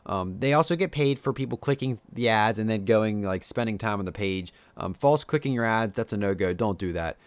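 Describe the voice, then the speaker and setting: A YouTuber with a Pennsylvania Dutch accent talks fast and smoothly in a lowish voice, his intonation lively and his pauses few. The dry recording has no room sound. He rambles casually to viewers during a live stream, full of fillers and opinions.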